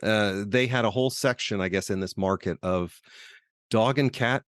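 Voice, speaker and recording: A man co-hosting a casual podcast chat, relaxed and chatty, often laughing. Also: fairly low pitch, normal speed, no echo, clean studio sound. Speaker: podcast co-host.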